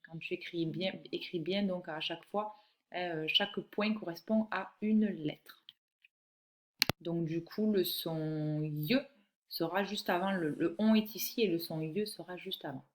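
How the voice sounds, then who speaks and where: A woman teaching a phonics lesson to young children, reading words slowly and clearly and encouraging the child. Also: fairly low pitch. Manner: encouraging, addresses the child directly. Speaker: primary school teacher.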